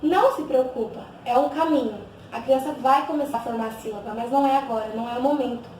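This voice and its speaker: Teacher lady, high voice, patient, sounds out each letter slow, faint hum behind. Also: darkish tone. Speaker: literacy teacher. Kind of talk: instructional video for parents.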